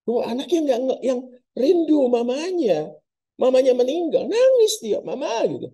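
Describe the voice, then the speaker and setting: A man's voice: very high voice, big pitch swings, normal speed, warm tone, slightly rough. A male pastor preaching a sermon, telling a story dramatically and addressing his congregation directly. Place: church service.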